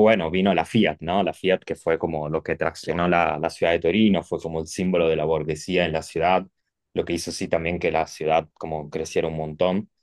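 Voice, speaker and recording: Deep-voiced and recorded cleanly in a studio with no echo, a Turin-born architect talks as an interview guest in Italian-tinged Rioplatense Spanish. His manner is relaxed and meandering, with frequent fillers and self-corrections.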